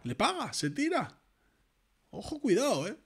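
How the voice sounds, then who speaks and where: Man, poker commentator, high voice, very lively pitch, excitable. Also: unhurried, breathy edge. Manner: excitable, bursts into shouts at big hands.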